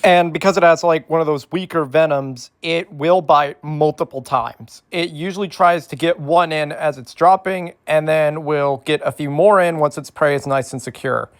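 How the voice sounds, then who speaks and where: A host with a mid-range voice gives an educational ASMR talk at normal speed with few pauses. The delivery is informal and detailed, explaining things step by step and tossing in playful asides.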